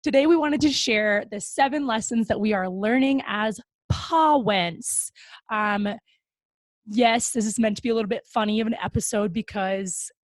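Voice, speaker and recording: Her voice sits a little high and moves at a moderate pace as this young adult woman hosts a casual podcast chat. She's upbeat and chatty with frequent fillers, and the close podcast mic picks up no room sound.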